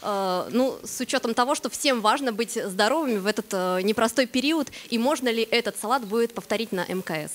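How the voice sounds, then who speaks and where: A woman journalist from Belarus asking questions at a press conference, quick and chatty. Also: a little high, a little hiss or hum.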